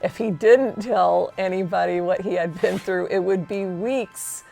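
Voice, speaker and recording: A chatty woman co-hosting a relaxed question-and-answer show, laughing easily between sentences. Her voice carries heavy gravelly fry, with faint music underneath. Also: fairly low pitch, unhurried. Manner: chatty, giggly, warm banter. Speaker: co-host. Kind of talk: casual chat.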